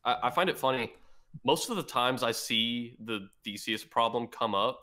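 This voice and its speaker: A man's voice: mid-range voice, moderate pace, bright, forceful tone. A man co-hosting a podcast in casual chat, explaining ideas step by step as he thinks aloud. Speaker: podcast co-host.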